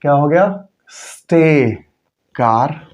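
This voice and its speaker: A man gives a pronunciation lesson at a slow, careful pace. His voice sits somewhat high, and he drills each example word by asking it back and repeating it. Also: a little mellow, dull audio. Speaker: English pronunciation teacher. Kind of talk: classroom-style lesson.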